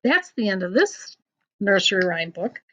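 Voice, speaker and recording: With a mid-range voice, a woman reads rhymes aloud to children as a teacher might. She tells them expressively and deliberately in a sing-song way, and the sound is dull lo-fi.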